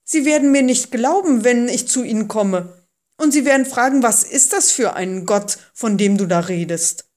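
A woman's voice: mid-range voice, measured pace, darkish tone, lightly acted. A woman voicing a frightened, hesitant shepherd man who pleads anxiously, in a read-aloud storybook. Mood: pleading.

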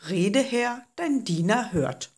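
A woman reads the part of a patient old temple priest in a storybook, answering in a steady, even way. The voice is slow, husky and lively in its melody. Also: on the high side, pitched above the performer's own voice, exaggerated voice.

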